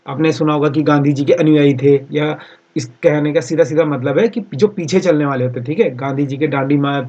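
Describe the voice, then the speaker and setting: A man teaching a Hindi exam-prep lesson, asking a question, answering it and repeating each answer slowly with constant "theek hai" fillers. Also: a little high, darkish tone, highs cut off. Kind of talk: online class lecture.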